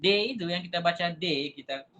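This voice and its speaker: A man's voice: high voice, brisk, pushed and bright, a little hiss or hum, rough recording. A man teaching a Quran recitation class, explaining step by step and repeating letter sounds to demonstrate them. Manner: explanatory, asks and answers his own questions. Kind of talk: tajwid lesson.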